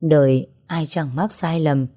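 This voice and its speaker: Calm older gang advisor, as a woman reads him. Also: low voice, unhurried. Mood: soothing. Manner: soothing, persuasive.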